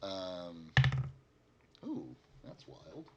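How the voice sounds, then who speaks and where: A man narrating a tabletop game as game master, casual and halting as he improvises. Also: low voice, sing-song, very noisy.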